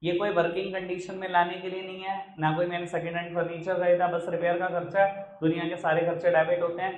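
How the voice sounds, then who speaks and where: A man's voice: high voice, little pitch movement, fast, roomy sound, phone-quality sound, slight background noise. A man from Uttar Pradesh teaching an online accountancy class, teasing and scolding his students fondly as he works through examples. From Uttar Pradesh, India. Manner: teasing, scolding, calls students "babu" and "beta".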